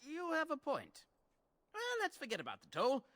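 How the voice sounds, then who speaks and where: An actor playing a sarcastic, condescending bandit leader who poses as a polite toll collector in a fantasy game. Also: male voice, very high voice, huge pitch swings, normal speed, crowd noise, heavily acted. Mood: smug, placating. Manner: mock-polite, dry, condescending. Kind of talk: fantasy video game acting.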